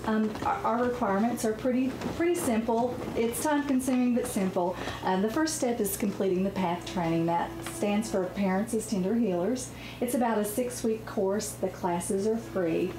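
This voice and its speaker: A woman foster care team leader guesting on a local TV talk show, briskly laying out requirements. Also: mid-range voice. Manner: brisk, informative. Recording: echoey room with background noise.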